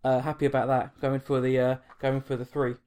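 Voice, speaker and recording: This film podcast host, an Englishman, speaks a little fast in a medium-pitched, slightly mellow, clean voice with little pitch movement. He chats casually with a guest over an online call from home late at night, self-deprecating and restarting as he goes.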